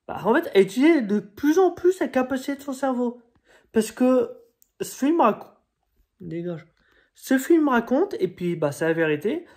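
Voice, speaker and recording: A man's voice: high voice, darkish tone. A young man chatting casually in a vlog, rambling along with frequent hesitations and restarts. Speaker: vlogger.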